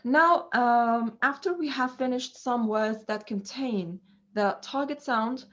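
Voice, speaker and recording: A woman gives an English pronunciation lesson at a very slow, deliberate pace, filling pauses with many ums and uhs. Her voice sits somewhat high. The recording sounds dull and lo-fi. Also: a bit bright. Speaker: English teacher.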